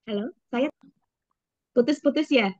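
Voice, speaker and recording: A woman's voice: fairly high pitch, a little slow, a little mellow, no room sound. A middle-aged woman school principal on a video call whose voice keeps breaking up from a bad connection, speaking formally with hesitations. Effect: voice breaking up over a bad call connection. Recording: dull, lo-fi video call audio.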